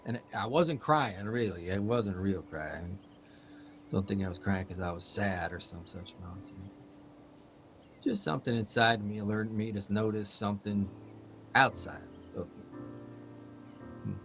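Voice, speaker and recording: Ernie Pyle, a halting, musing writer. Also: male voice, on the low side, a bit bright, faint music behind. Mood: confessional, flustered. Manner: halting, rambling, self-questioning. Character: Ernie Pyle, restless, musing, self-doubting male writer. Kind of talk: live audio drama reading.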